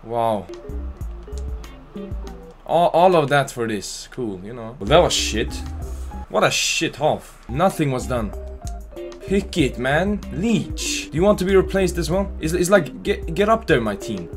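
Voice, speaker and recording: A man casually commentating his football career-mode game, trash-talking his players and shouting at goals. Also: a little high, big pitch swings, measured pace, soft background music. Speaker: gaming channel host. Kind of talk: casual profane gameplay commentary.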